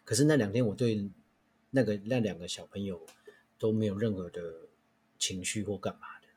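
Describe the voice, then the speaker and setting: A man's voice: lowish voice, steady tone, normal speed, darkish tone, husky. A young adult man with a Taiwanese Mandarin accent, a podcast host chatting casually and telling stories with many restarts and fillers. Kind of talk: casual chat.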